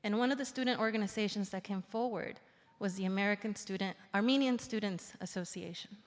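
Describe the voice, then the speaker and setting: A woman in her forties, originally from El Salvador, giving an earnest, reflective formal speech at a public event. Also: medium pitch. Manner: earnest, reflective, slows for emphasis. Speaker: invited speaker. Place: large indoor theater. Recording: reverberant theater hall.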